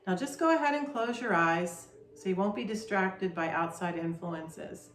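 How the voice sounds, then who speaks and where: A woman leading a guided meditation with soft, soothing instructions. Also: mid-range voice, normal speed, roomy sound, soft background music.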